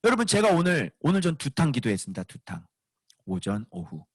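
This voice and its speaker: Husky male preacher, animated sermon delivery, builds to loud emphatic peaks, dry recording. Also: a little high, brisk, no echo. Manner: animated, asks the congregation questions, rises to shouting emphasis. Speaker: pastor.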